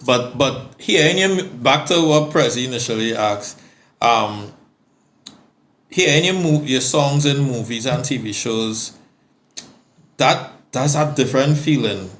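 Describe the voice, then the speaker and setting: A man's voice: mid-range voice, unhurried, a bit bright, a little hiss or hum. A Trinidadian man, a guest singer-songwriter, talking casually on a podcast and telling stories with frequent stammered restarts.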